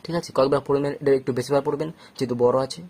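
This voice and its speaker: A medium-pitched male teacher from Bangladesh or West Bengal walks students patiently through Quran recitation. Each letter is sounded out slowly, syllable by syllable, with calm explanation and a checking "okay?".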